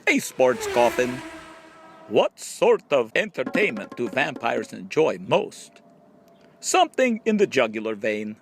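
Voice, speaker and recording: Over soft background music, a man with a medium-pitched, sing-song voice and vocal fry reads a scripted book of riddles. The audiobook reader frames each question and then slowly stretches out the punchline, question-and-answer style.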